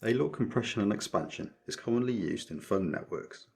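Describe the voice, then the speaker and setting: A man presenting an electronics project speaks animatedly in a scripted tutorial, explaining each step methodically and in a measured manner. His low voice is creaky, very husky, and breathy-rough rather than smooth.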